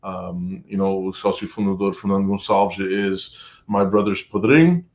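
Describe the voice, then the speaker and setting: A man from Canada with a fairly low voice, talking as a podcast guest in a loose, rambling way. He keeps circling back and restarting his sentences, and the recording has a muffled, lo-fi edge. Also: normal speed, darkish tone. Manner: rambling, many restarts and fillers. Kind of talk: casual conversation. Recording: dull lo-fi sound.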